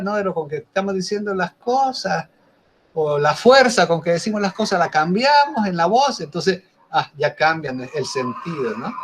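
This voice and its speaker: Male lecturer, higher-pitched, slight background noise, explanatory and patient. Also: fairly bright tone. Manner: explanatory, with frequent tag questions. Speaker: teacher. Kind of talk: online class lecture.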